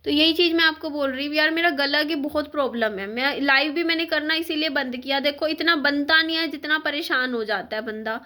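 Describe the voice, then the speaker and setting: A woman with a high, bright voice chats casually to her viewers. She rambles with plenty of fillers and keeps clearing a sore throat. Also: brisk, few pauses. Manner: chatty, rambling, with frequent fillers. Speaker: vlogger. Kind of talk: casual chat to camera.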